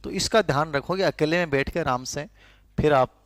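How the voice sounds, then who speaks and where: Key terms get repeated for students to copy as a middle-aged man lectures in a conversational manner. He has a voice a little high, a moderate pace, and there's no room sound.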